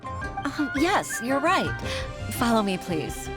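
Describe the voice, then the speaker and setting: An actress voicing an earnest, respectful, worried young junior official in a video game. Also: female voice, fairly high pitch, big pitch swings, slow. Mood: eager. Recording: game music behind.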